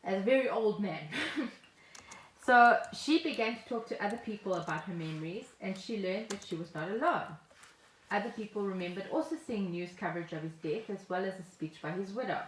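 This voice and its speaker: Fairly quick and mid-range, the voice belongs to a South African woman co-hosting a podcast, casually chatting and joking through her stories. Audio is from a remote call at home, with a roomy echo and a little background noise.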